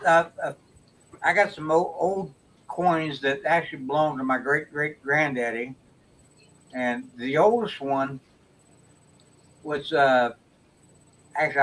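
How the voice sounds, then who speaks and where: Man, casual chat, mid pitch, hesitant, restarts, lots of uh, agrees often. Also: a bit bright, slight background noise, rough recording.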